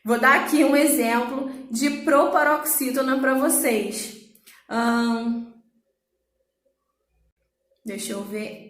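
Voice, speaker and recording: In an echoey room, a woman with a slightly high, somewhat bright voice teaches a Portuguese lesson for a recorded online class. She explains things patiently and checks in with her students.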